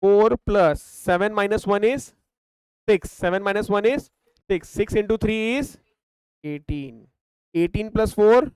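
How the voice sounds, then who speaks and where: A young Indian man leads a math class in a fairly high, smooth voice, firing questions at his students and answering them himself. He counts off steps aloud as he works a calculator, and the recording is close and dry. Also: takes it slowly, darkish tone, no echo. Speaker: math tutor.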